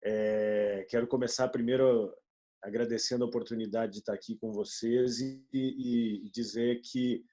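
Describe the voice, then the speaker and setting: A man in his forties from Rio Grande do Sul, speaking as a business partner in a video meeting, with halting speech and many fillers. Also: mid-range voice, steady tone, dark tone. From Rio Grande do Sul, Brazil.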